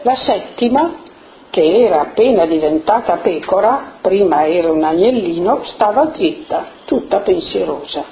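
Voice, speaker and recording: A woman giving brisk instructions to a group and then reading a fable aloud. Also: on the low side, expressive. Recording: muffled with faint noise.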